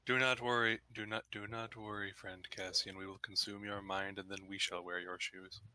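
Tentacle alien, played by a male gamer: calm menace, forceful edge, formal and deliberate, noisy background. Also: lowish voice. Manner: deliberate, monotone, formal, speaks as "we". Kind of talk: tabletop game role-play.

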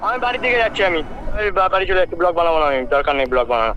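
A man's voice: on the high side, very fast, slight background noise. A man on a phone call who sulks and bluntly refuses to join in. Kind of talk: phone conversation.

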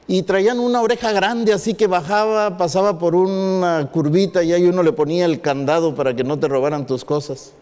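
A man, a pastor preaching a sermon and telling an animated personal story. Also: high voice, fairly quick, hardly any pauses, clear, resonant tone. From northwestern Mexico. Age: 50s. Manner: animated storyteller acting out quotes. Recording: long reverb in a hall.

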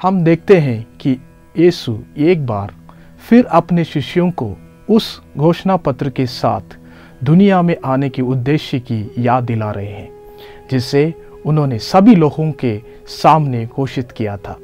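A man in his thirties, a priest, giving a measured, earnest sermon to the camera. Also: mid-range voice, expressive, darkish tone, faint music behind. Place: in front of a church altar backdrop.

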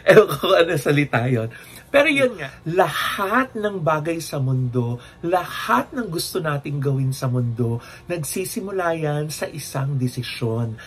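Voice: medium pitch, lively intonation, unhurried, slight background noise. A vlogger giving breakup advice in a casual, playful, campy way, with joking asides and talking straight to the viewer.

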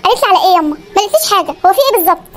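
A voice actor playing a tired, easygoing young husband in a comic cartoon, speaking with an Egyptian Arabic accent in a gentle, calm, reassuring way. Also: very high-pitched, very fast. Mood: puzzled.

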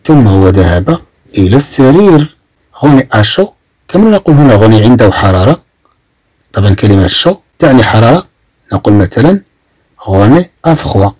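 Moroccan man, teacher, husky low voice with an animated lilt, repeats phrases patiently, dry close mic. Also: no echo. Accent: Moroccan Arabic. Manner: repeats each phrase slowly, then translates it. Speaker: French teacher. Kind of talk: explaining vocabulary in a lesson.

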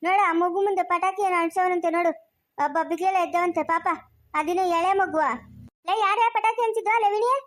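A woman acting out a sharp-tongued old village grandmother from a comic family skit, fiercely protective and always ready to quarrel. She speaks with a rural Chikkaballapur Kannada accent. The voice is very high and rattles along at a brisk clip. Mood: scolding. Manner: quarrelsome, scolding, fast-talking. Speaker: skit actor.

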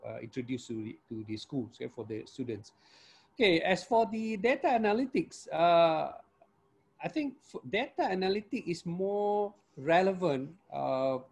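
An older man with a voice a little high for a man speaks on an academic panel via video call, using an earphone mic from a home room with a virtual background. He's hesitant, filling pauses often and tacking quick tag questions onto his points.

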